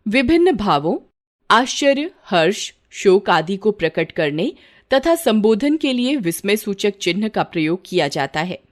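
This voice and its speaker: A woman reading a school grammar lesson aloud in a measured way, voicing the examples with varied intonation. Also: medium pitch, big pitch swings.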